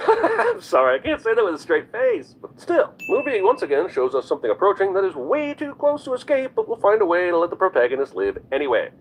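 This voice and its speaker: Sarcastic man with a lively, high voice. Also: fast talker, few pauses, a little hiss or hum, poor audio. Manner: mocking and profane, with rhetorical questions. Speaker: movie commentator. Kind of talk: sarcastic movie commentary.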